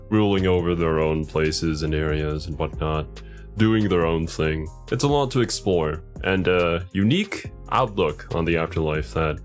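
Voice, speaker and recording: Very deep-voiced man reacting casually. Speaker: reaction streamer.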